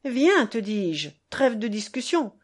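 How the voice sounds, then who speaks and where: Brief: stern old grandfather, solemn and forceful, louder than the narration, read by a woman. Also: fairly high pitch, very animated, slow pace, full character voice. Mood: solemn commanding. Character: stern old grandfather, commanding then pleading.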